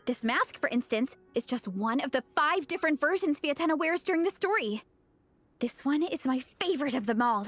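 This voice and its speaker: A woman's voice: high voice, lively intonation, a little fast, fairly bright tone, faint music behind. A woman voicing an eager young woman who leads a fan club, earnest and enthusiastic. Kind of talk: game dialogue.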